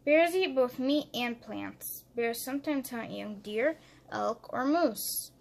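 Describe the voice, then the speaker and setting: Expressive woman reading a picture book. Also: on the high side, takes it slowly, creaky. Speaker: narrator. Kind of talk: children's read-aloud narration.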